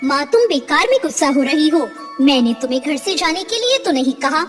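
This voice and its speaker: A woman voicing a reasonable young adult son who gently reproaches his mother, in a storybook narration. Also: high-pitched, sing-song, brisk. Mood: reproachful. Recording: long reverb, faint music behind.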